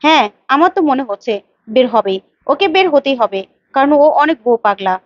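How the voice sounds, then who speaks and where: A woman voicing a sharp young woman in a story, laying a trap with quick, persuasive talk in a high, fast voice. She sounds set on getting her way. The recording is slightly dull and very dry. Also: animated, dry recording. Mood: scheming.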